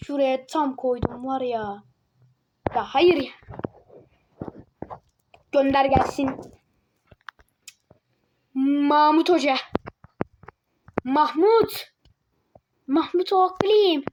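Woman, high voice, unhurried delivery, casual gameplay commentary, teasing, excitable yelps. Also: highs cut off, background noise. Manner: excitable, yelps and mutters to self while playing; teasing, trash-talking other players. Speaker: gaming video creator.

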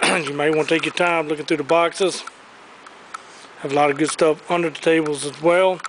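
A man with a slightly high, steady voice walks through a large indoor auction warehouse, giving an upbeat, enthusiastic preview of the items up for sale. He speaks at a moderate pace with a somewhat bright tone, recording on the handheld camera he carries, which picks up a little hiss or hum.

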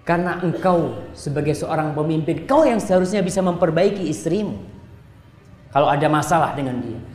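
A male preacher delivering a sermon, talking straight to the congregation and swinging between loud exclamations and quiet asides. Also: high voice. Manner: addresses the congregation directly. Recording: echoey hall with long reverb.

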